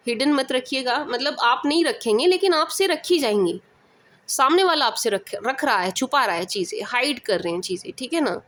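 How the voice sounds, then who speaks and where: A woman's voice: a little high, a bit bright. Emphatic Indian woman tarot reader. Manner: emphatic, repeats checks like "understand?"; affectionate pet names for listeners. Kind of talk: casual tarot reading to viewers.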